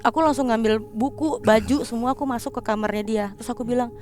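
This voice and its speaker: Young woman guest, kinda high voice, chatty storytelling, does little voices for people she quotes, faint music behind. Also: fast talker. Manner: lively, acts out quoted people in changed voices; mixes casual slang and English words. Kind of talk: casual storytelling of a ghost experience.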